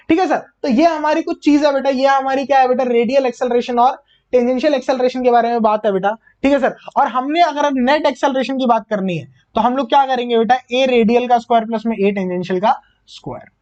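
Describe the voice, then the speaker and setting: Brief: male physics tutor, high voice, call-and-answer revision style, muffled lo-fi track. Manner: asks himself questions and answers them, calls students "beta" and "sir"; repeats key terms slowly, one word at a time. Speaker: physics teacher. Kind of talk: exam revision lecture. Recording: muffled lo-fi recording.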